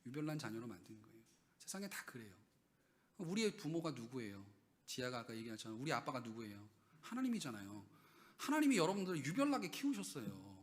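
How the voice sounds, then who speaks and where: A male pastor preaching a sermon in a church. He asks the congregation questions, then moves between loud, emphatic lines and quiet, low asides. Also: big pitch swings, fast talker.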